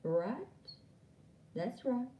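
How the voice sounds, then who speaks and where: A woman's voice: fairly high pitch, lively intonation, very slow, dark tone, slight background noise. A woman giving an oracle card reading on a live stream, chatting and laughing with viewers she calls by name. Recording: echoey room, far from mic.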